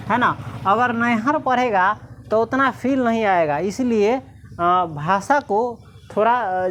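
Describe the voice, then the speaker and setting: A woman teacher explaining a story, asking her class questions and answering them herself, slipping into village dialect. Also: medium pitch.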